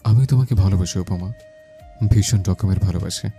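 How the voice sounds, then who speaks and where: Very deep voice, dark mellow tone, a man playing a loving young professor husband, audio love story. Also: fairly quick, soft background music. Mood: tender. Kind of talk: audio drama dialogue.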